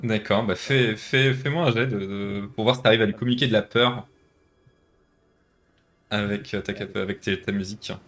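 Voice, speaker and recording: A man narrating a tabletop role-playing game as game master, relaxed and hesitant, with many fillers. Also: lowish voice, normal speed, soft background music.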